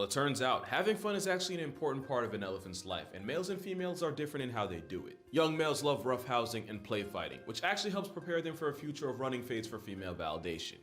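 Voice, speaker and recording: A man's voice: medium pitch, fairly bright tone. A man delivering comedic scripted narration in a slangy, wry, conversational manner. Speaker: wildlife video narrator. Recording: music behind the voice. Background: background music.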